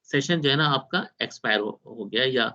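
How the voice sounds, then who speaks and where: Fast-talking lecturer on a video call. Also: male voice, medium pitch, bright, forceful tone. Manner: explains step by step, mixing in English technical terms. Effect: heard over a video call. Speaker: university lecturer. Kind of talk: online class lecture. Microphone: laptop on video call. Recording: dull video call audio.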